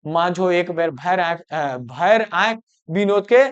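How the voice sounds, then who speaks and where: Give me a smooth-voiced male teacher, recorded slightly muffled. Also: high voice, animated, takes it slowly. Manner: explains line by line, keeps checking understanding and repeating questions. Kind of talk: explaining a folk story to students.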